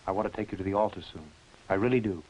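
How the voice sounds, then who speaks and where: A man's voice: low-pitched, very fast, darkish tone, natural voice. A man playing a firm, reassuring suitor and father in a dubbed old horror film, speaking in a soothing, insistent way. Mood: tender, pleading. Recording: hissy, noisy old film soundtrack.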